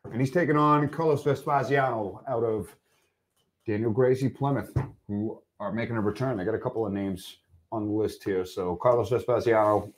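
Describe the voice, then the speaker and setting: A man's voice: fairly low pitch, normal speed. Man, co-host, casual podcast chat, commentator-style rundown.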